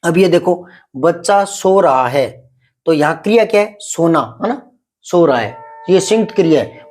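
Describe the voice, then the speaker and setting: A middle-aged man teaching Hindi grammar, explaining patiently, repeating example sentences slowly and quizzing a pupil. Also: on the high side, darkish tone. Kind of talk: classroom grammar lesson.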